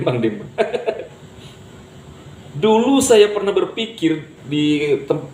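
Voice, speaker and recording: A man's voice: on the high side, a little mellow. A man hosting his own channel, giving a casual motivational talk to viewers in a chatty way, laughing at his own remarks. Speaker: channel host. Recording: echoey room with faint background noise.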